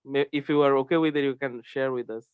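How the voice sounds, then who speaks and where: A man's voice: medium pitch, steady tone, quick pace, clear, resonant tone, no room sound. A man hosting a casual podcast, hesitant and filling his speech with "like" and "uh". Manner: hesitant, full of fillers. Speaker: podcast host.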